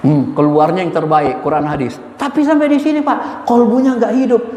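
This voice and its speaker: A man giving an informal Islamic spiritual lecture, emphatic and animated, repeating key words and addressing his listeners directly. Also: extremely high pitch, normal speed, lo-fi sound, slight background noise. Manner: addresses listeners as "Pak", chuckles. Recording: echoey hall with faint ambience.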